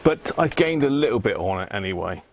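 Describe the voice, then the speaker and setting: His voice is on the low side with big pitch swings and a brisk pace, and a little background noise is audible. He's a British man hosting a live repair stream, muttering casually as he works and often adding tag questions.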